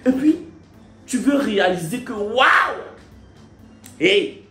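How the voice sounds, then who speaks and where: A man telling a story in a playful, animated way and laughing often. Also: high voice, slow, reverberant, soft background music. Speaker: vlogger. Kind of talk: casual storytelling.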